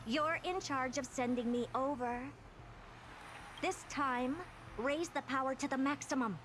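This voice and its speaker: A woman's voice: high voice, unhurried, background noise. A woman voicing an imperious, self-assured female scholar in a video game, commanding and impatient. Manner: commanding, theatrical, self-satisfied.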